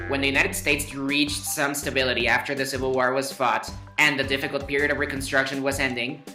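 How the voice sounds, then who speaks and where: A man hosts a history explainer show, narrating a scripted lesson with playful, wry asides and stretched-out words for emphasis. His mid-range voice is pushed and bright, set against roomy echo and faint background music.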